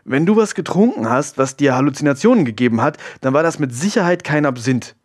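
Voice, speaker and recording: Man voicing a dry, blunt young woman with a lifted voice, quick and know-it-all. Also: fairly high pitch, lively intonation, pitched above the performer's own voice. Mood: lecturing.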